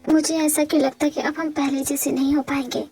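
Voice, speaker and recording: A woman's voice: high-pitched, flat delivery, fairly quick, warm tone, no echo. A woman voicing a heartbroken young wife who pleads tearfully and emotionally in a fan-dubbed romantic audio drama. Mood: pleading.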